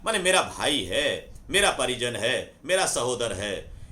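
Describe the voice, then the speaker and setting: A middle-aged man explaining the origin of words in a measured lecture, slowly repeating phrases for emphasis. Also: a little high, bright, forceful tone. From Rajasthan, India. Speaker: scholar explaining word origins.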